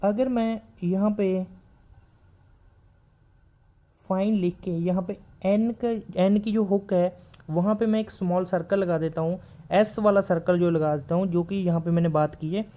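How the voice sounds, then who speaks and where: A man teaching shorthand in a classroom style, patiently repeating each point and reading textbook lines slowly. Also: sits high, dark tone, highs cut off. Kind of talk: classroom explanation.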